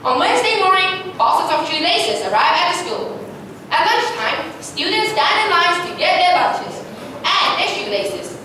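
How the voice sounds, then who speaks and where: Narrating a reader's theatre script in a high voice, a woman is recorded far from the mic in a heavily reverberant room where noise is clearly audible. Her delivery is sing-song, a little slow, and sharp in tone.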